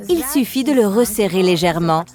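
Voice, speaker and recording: A woman's voice: medium pitch, expressive, brisk. Woman explaining a nail technique. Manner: explanatory, chatty. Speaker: nail instructor. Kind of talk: instructional demo chat. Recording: music playing behind.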